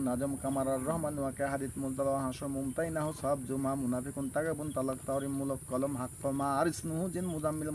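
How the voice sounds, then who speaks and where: Man reciting lists in slow chant. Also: a little high, a little hiss or hum. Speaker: Islamic preacher. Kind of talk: recitation and religious talk.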